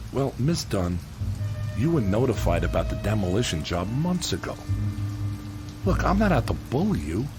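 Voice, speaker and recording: In a radio drama, an actor with an American accent and a mid-range voice plays a gruff but kind-hearted demolition contractor. His speech is colloquial, earnest, and insistent, in a working-man style.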